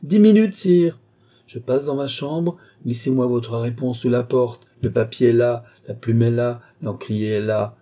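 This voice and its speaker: A man voicing a proud, sharp-tongued woman, a royal favourite, who speaks in a haughty, mocking way. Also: medium pitch, level tone, unhurried, few pauses, close to an everyday voice. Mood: defiant.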